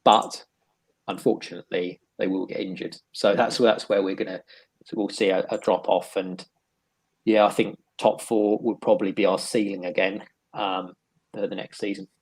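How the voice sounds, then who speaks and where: A man's voice: lowish voice, level tone, normal speed, darkish tone, slightly rough. A man giving his football predictions in a casual chat, hesitant and full of restarts. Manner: hesitant, lots of restarts and hedging. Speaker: football pundit.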